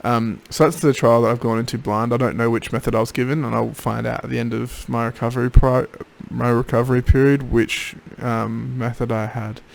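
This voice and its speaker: A man records a casual diary while recovering from throat surgery. His mid-pitched voice is gravelly with fry. He sounds tired and drowsy, with little energy in his delivery. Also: flat delivery, a little fast, hardly any pauses. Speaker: patient keeping a recovery video diary. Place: home office.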